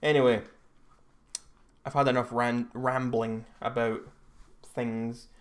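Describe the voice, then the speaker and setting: A man's voice: medium pitch, little pitch movement, slow. A young Scottish man hosting a live stream, chatting casually and rambling with frequent restarts and self-corrections. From Scotland. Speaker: livestream host.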